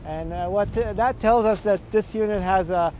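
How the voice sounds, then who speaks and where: On a building rooftop, a young energy auditor instructor gives an instructional walkthrough in a high-pitched, darkish voice at a moderate pace. He sounds hesitant, with many filler sounds and restarts, and faint outdoor noise is audible.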